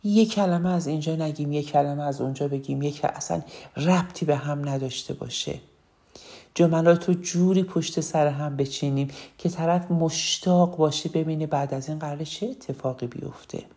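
A woman's voice: sits low, mellow. A woman teaching public speaking in an earnest lecture, often repeating key phrases for emphasis. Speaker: speaking coach. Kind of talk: instructional talk on public speaking.

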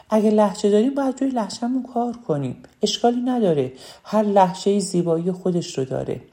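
Woman, low warm voice, animated speaking coach, repeats lines for emphasis. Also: gravelly. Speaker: public speaking teacher. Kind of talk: spoken lesson on oratory.

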